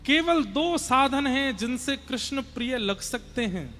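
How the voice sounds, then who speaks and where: Young male preacher, high voice, earnest devotional sermon, soft music under it. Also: expressive, measured pace. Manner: earnest, urges listeners to listen closely. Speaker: kathavachak preacher. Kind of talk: devotional sermon with chanted Sanskrit verses. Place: large hall before a seated audience.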